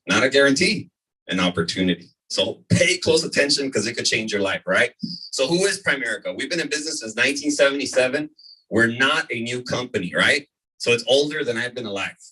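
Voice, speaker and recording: A man in his thirties, from the California desert, giving an energetic live sales presentation to a room. He keeps repeating his points and asking "right?". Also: fairly low pitch, slightly rough. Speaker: presenter at a business opportunity meeting. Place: meeting room before an audience. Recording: voice from far off in a room.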